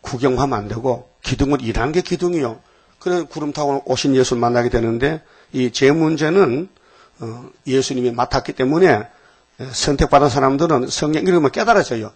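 A man's voice: mid-range voice, fairly quick, breathy edge. A man preaching an informal sermon to a small group, folksy and chatty, often asking the listeners questions.

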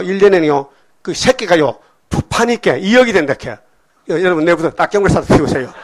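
A man preaching a sermon as a pastor, retelling a story with animated storytelling and often prodding listeners with quick questions. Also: fairly high pitch.

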